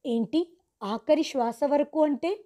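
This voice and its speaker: A woman voicing a young man who harshly and loudly demands answers from his mother, as a storybook figure. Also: high-pitched, slow pace. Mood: angry.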